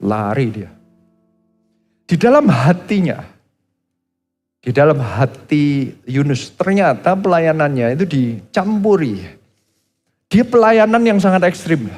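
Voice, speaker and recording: A man's voice: a little high, sing-song, slow, long pauses, darkish tone. A middle-aged Indonesian pastor preaching a sermon, telling stories animatedly and acting out the voices of the people he quotes. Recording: reverberant church hall with faint music.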